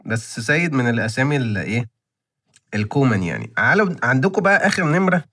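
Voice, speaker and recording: Fast-talking Egyptian man in his twenties. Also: medium pitch, big pitch swings, fairly bright tone. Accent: Egyptian Arabic. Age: 20s. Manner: chatty, rambling, thinking aloud with many repeats. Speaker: channel host reviewing license plate auctions. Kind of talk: casual commentary to viewers.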